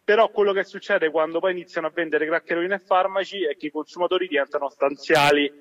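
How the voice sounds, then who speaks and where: A man's voice: fairly high pitch, steady tone, a bit bright, highs cut off. Man talking in over a speakerphone. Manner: measured and explanatory, with some restarts. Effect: heard over a phone on speakerphone. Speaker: community organizer speaking as a remote guest. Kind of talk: public talk to a crowd by phone.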